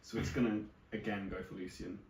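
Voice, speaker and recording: Man, low voice, dungeon master narration, rambling descriptive style, distant mic, roomy echo, noisy background. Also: fairly even intonation, a little fast, darkish tone. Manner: descriptive, filler-heavy narration. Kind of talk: narrating a tabletop game.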